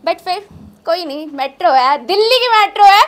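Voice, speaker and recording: A young woman with a very high, animated voice does conversational observational stand-up at a moderate pace on a small indoor open-mic stage. Speaking into a handheld mic, she repeats phrases for emphasis.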